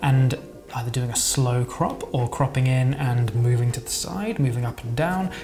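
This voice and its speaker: A man's voice: mid-range voice, moderate pace, over music. Chatty man explaining video editing. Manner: chatty, relaxed, with fillers and laughs. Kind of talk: casual screen-recorded tutorial.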